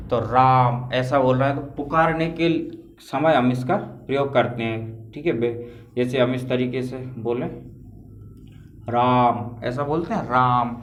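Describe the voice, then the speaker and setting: A man's voice: mid-range voice, fairly even intonation, moderate pace, reverberant, a little hiss or hum. A male teacher giving a classroom lecture, explaining step by step and answering his own questions.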